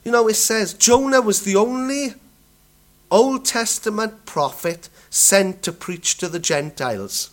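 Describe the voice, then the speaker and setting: Slow, repetitive man preaching. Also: high voice, a bit bright. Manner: repeats himself and asks rhetorical questions; restarts and stumbles over words. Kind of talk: sermon.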